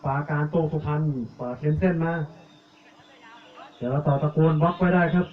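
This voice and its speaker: A man's voice: on the high side, normal speed. Tinny-sounding man commentating football. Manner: rattling off player numbers and names, rising excitedly on attacks. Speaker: match commentator. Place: outdoor village football match. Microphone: cheap tablet recording. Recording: echoey, tinny, phone-like audio.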